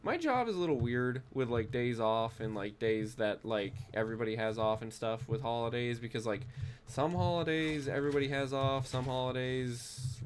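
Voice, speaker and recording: A young American man with a stuffy nose chats casually while streaming a game, rambling and using lots of fillers. His voice is medium-pitched and moderately paced, with a little hiss or hum in the recording.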